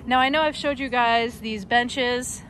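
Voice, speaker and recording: Recorded outdoors on a phone with poor audio and a slight hiss or hum, this garden blogger from the United States walks through her backyard, chatty and enthusiastic. She's a middle-aged woman whose somewhat high, slightly bright voice moves at a measured pace, sprinkled with lots of fillers and little laughs.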